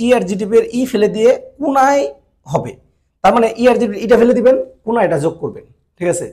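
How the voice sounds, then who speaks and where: High-voiced man teaching grammar slowly. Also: darkish tone. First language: Bengali. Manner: repetitive, checks understanding often. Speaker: Japanese language teacher. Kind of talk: classroom-style grammar lesson.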